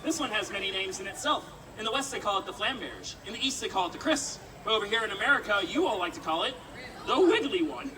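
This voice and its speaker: A woman's voice: mid-range voice, lively intonation, fast talker, hardly any pauses. A woman performing a live sword swallowing show, projecting cheeky, joking patter and bantering with the audience at an outdoor festival. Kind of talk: live comedic stage patter to a crowd. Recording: distant, noisy outdoor festival crowd recording.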